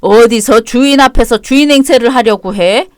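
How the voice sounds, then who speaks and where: An actor voicing an older father-in-law who is blunt and domineering, talking in a gruff, commanding way. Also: medium pitch, normal speed, no echo, studio quality, lightly acted. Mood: scolding.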